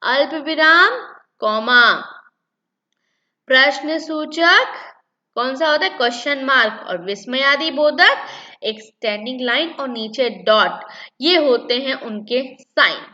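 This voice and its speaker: A woman's voice: sits high, expressive, slow pace, sharp tone, dull audio. A woman teaching a lesson to children, repeating key points and asking then answering her own questions. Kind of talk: classroom-style lesson for children.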